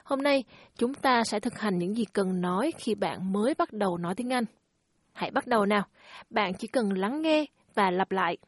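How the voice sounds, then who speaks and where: Husky encouraging woman teaching a lesson. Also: medium pitch, lively intonation, normal speed, dry recording, clean studio sound. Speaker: language lesson host. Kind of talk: scripted lesson narration.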